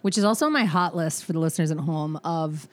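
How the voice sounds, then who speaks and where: A woman hosting a casual podcast, playful and teasing, with frequent swearing. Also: deep voice. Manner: playful, profane, quick to tease. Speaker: podcast host.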